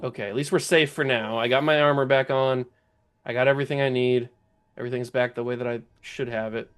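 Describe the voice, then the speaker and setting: A man's voice: mid-range voice, fairly even intonation, a little fast, clean tone. Man thinking aloud over gameplay. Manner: thinks aloud, chatty, talks to enemies. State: voice going, clearing throat. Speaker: let's play gamer. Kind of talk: casual gameplay commentary.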